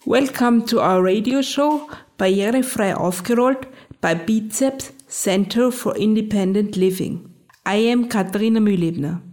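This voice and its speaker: A woman hosting a radio show, reading a scripted introduction and asking interview questions in a clear, even delivery. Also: medium pitch, a little slow. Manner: clear, read-aloud delivery.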